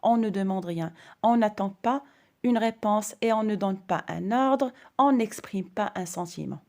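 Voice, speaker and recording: A woman's voice: mid-range voice, unhurried, a little mellow. A woman teaching a grammar lesson to primary school children, speaking carefully and stressing each example sentence.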